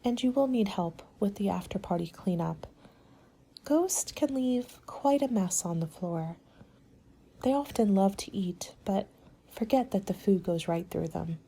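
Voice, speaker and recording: Gentle and measured, a woman slips often into a whisper while roleplaying a helpful party planner in soft ASMR. Her mid-range voice is animated and gravelly, carrying a breathy edge.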